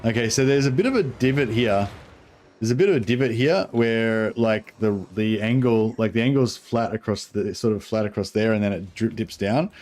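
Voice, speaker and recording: A man's voice: fairly low pitch, normal speed, a little mellow. A man with a broad New Zealand accent giving casual gameplay commentary in a laid-back, sweary, rambling way. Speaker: gaming streamer.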